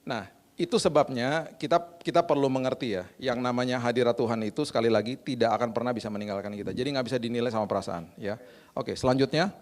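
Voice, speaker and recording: A middle-aged pastor from Indonesia preaching, telling stories with lively acted-out voices. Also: male voice, medium pitch, quick pace. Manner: animated storytelling with acted voices. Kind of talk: sermon. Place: church stage.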